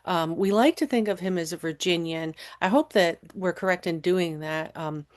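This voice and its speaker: A woman's voice: lowish voice, moderate pace. A woman interviewing a guest on a podcast, asking long questions with many hesitations and ums.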